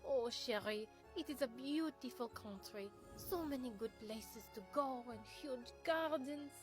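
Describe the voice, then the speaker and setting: A woman voicing a vain, scheming French ex-supermodel mother with a French accent, in an animated storybook. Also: high voice, unhurried, over music. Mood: doting, scheming.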